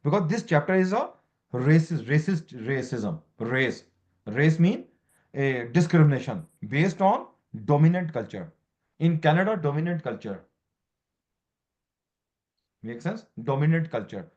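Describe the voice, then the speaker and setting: A man's voice: a little high, big pitch swings, a little slow, long pauses, darkish tone, highs cut off. A man lecturing a student as a law exam tutor, repeating key terms and quizzing her, in broken English. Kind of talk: informal lecture.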